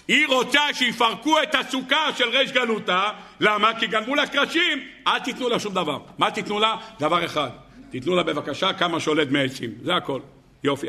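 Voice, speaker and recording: Male rabbi giving a sermon, high bright voice, lively storyteller. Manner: animated storytelling with rhetorical questions. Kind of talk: Torah lesson sermon.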